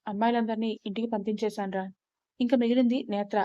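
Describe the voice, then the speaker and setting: A woman's voice: on the high side, steady tone, quick pace, mellow, dry recording, close to an everyday voice. A woman voicing a blunt, guarded young male rowdy in a storybook reading, on a slightly dull recording. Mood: firm.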